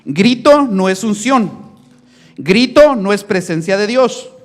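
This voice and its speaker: High-voiced preaching man, animated. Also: slow pace. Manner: animated and joking, swings from soft asides to shouted preaching. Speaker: pastor. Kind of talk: sermon. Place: church. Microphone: handheld microphone.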